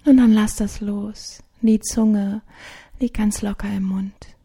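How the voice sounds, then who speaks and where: A woman narrating a guided sleep meditation in a soft, hushed, soothing, partly whispered voice with long pauses, like a sleep story narrator. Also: mid-range voice, little pitch movement. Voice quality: soft, breathy.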